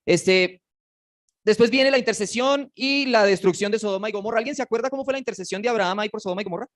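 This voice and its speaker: Man, quick high voice, teaching a Bible class in a classroom, joking, quizzing students. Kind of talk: casual Bible lesson to a class. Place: classroom with slides.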